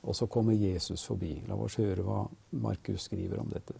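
A man's voice: on the low side, level tone, vocal fry, warm tone. A male host leading a Bible discussion, reflective and leading the conversation.

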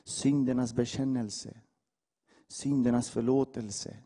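A male preacher delivers an impassioned sermon in a dark, mellow voice. He pushes hard on his calls to the congregation, then drops low for quiet asides. His carries a slight edge. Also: fairly even intonation, husky. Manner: impassioned, swings from loud exhortation to hushed asides.

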